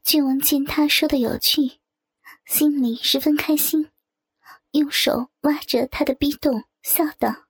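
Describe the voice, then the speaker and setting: A woman narrating an adult story in a soft, sometimes whispered reading voice. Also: high-pitched, fairly even intonation, unhurried, no echo. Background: soft guitar music.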